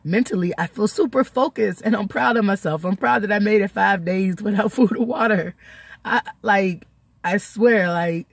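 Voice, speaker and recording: A woman's voice: medium pitch, moderate pace, vocal fry, slightly rough, no room sound. A woman talking casually in a video diary, chatty and close to tears, laughing now and then. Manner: chatty, laughing often, emotional. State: tearful, close to crying. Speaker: vlogger.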